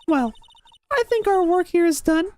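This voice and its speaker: A man in falsetto voicing a calm female boss lawyer who mentors her junior, in a parody fan dub. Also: moderate pace, no echo. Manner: falsetto that drops to a deep voice.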